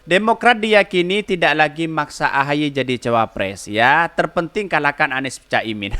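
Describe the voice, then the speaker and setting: A man's voice: on the high side, sharp tone. A man hosting a solo political podcast, chatty, chuckling often as he reads out viewer comments.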